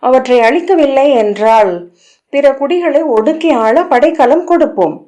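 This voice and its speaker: A woman reading the lines of a proud, calculating queen in an audiobook, in a measured, commanding way. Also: high-pitched, expressive, mellow, pitched above the performer's own voice. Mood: cool, commanding.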